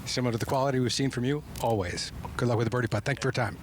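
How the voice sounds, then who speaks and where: Quick-talking male on-course sports interviewer. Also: mid-range voice, noisy background. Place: outdoors on a golf course.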